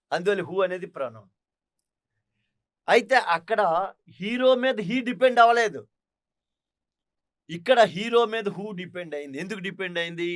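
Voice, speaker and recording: A man teaches grammar, explaining step by step and asking his students questions as he goes. His voice sits high for a man, and the recording is dry, with no room sound. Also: no echo. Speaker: English teacher. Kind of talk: recorded classroom lesson. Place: online teaching studio.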